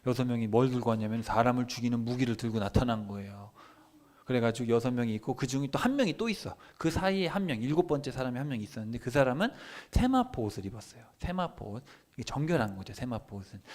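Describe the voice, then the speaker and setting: Man, pastor, children's sermon, animated, quick delivery, asks questions. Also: medium pitch. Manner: animated, keeps asking the listeners questions. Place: church.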